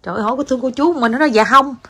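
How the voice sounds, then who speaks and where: A woman's voice: high voice, rapid-fire, a bit bright, breathy edge, dry recording. A young Southern Vietnamese woman chatting at home in a casual family vlog, coaxing her child and talking to viewers, slipping English words in. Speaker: mother vlogging with her child. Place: home, indoors.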